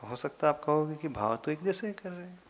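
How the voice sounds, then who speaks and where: A man, a monk, giving a sermon in a slow, deliberate teaching manner, pausing often and rising into sudden emphasis. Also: a little high, animated. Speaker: Jain monk giving a discourse.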